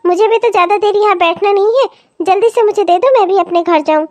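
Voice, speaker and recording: A woman's voice: extremely high pitch, quick pace, a little mellow. A woman voicing a greedy younger married daughter in a cartoon comedy, who keeps demanding more from her mother. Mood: wheedling. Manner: demanding, wheedling.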